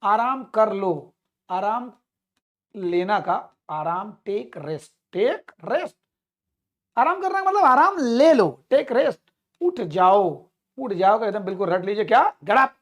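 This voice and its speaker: A male teacher runs a spoken-English class, repeating each phrase several times as a drill. He often pauses to quiz his listeners and talks to them as comrades, with an emphatic tone. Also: high-pitched, very animated.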